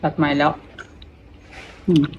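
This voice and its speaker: A middle-aged woman with an Isan accent chats casually while eating, talking with her mouth full, haltingly, repeating phrases and murmuring between them. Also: slight background noise. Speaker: vlogger.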